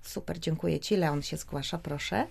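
A woman's voice: low-pitched, creaky, husky. Encouraging woman hosting a studio chat. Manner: encouraging, questioning, quick interjections. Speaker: radio host talking with children. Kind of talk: lively studio conversation with kids.

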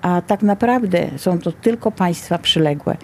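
A middle-aged woman giving a personal account as a teacher, phrasing her thoughts deliberately and reflectively. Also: on the low side, slight background noise. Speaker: Polish language teacher working in Ukraine.

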